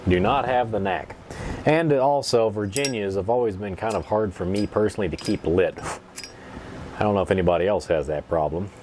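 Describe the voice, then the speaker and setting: A man chatting casually and telling stories in an unhurried, rambling, folksy way, at times with a pipe in his mouth. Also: on the low side, a little mellow, a little hiss or hum. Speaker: pipe-smoking vlogger. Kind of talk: casual storytelling chat.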